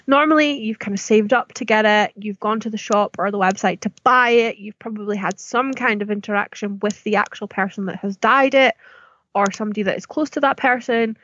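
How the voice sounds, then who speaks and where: A woman's voice: medium pitch, a bit bright, dull audio. A British woman in casual podcast chat, informal, teasing and self-deprecating.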